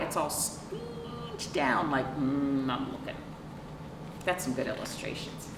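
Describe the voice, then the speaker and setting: A middle-aged children's librarian with a fairly low voice hosts storytime seated on a couch in a small indoor room, reading aloud expressively with swoops, chatty asides, drawn-out emphasis and questions for young listeners. A distant mic captures her in the echoey room with clear background noise.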